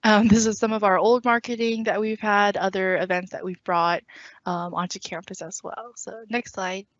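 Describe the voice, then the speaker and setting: A woman student organizer giving a casual virtual orientation presentation, trailing off softly and cueing slides. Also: medium pitch, fairly even intonation, normal speed, dry recording. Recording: dry, dull lo-fi call audio.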